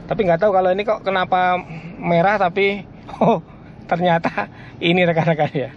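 A man's voice: high voice, steady tone, moderate pace. A man giving casual commentary while driving a car, chatting to his viewers as he goes. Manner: chatty, keeps addressing viewers as colleagues. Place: inside a moving car. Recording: slightly muffled, faint road noise.

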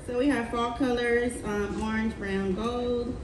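A woman's voice: on the high side, steady tone, unhurried. A woman answering briefly as a contestant in a stage game show. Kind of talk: short unhurried answers on stage. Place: large theatre stage. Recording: echoey theatre from far off, loud crowd noise.

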